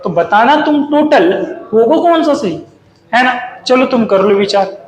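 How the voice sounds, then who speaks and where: A man's voice: very high voice, animated, unhurried. A young man teaching exam vocabulary, quizzing students in a sing-song way and mixing Hindi with English words. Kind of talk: exam-prep lesson going through slides. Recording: echoey room with faint noise.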